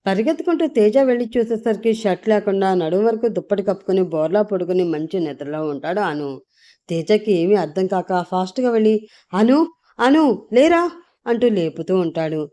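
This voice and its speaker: A woman narrating a scripted story in a calm, even manner. Her voice is mellow and warm, with a middling pitch. She reads steadily from line to line. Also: fairly quick.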